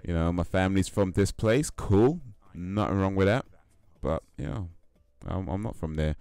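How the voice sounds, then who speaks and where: Casual chat with stream viewers comes from a young British host whose low, darkish voice is clear and resonant, with lively intonation at a moderate pace and no echo. He stays laid-back, laughs often, and leans heavily on fillers and repeats.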